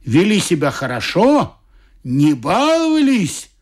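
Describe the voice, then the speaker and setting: Man doing a stern old god, slow drawn-out words, pitched up, storybook reading. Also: huge pitch swings, full character voice. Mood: solemn. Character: stern old bearded God, booming, testing adults.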